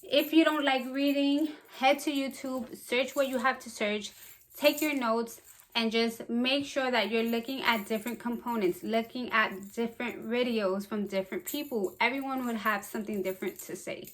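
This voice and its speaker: A young woman who runs a small business, talking casually to camera in an upbeat, fast, slightly breathless way. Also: on the high side, steady tone. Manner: chatty and upbeat, talks fast. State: a bit out of breath. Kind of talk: casual vlog talk to camera.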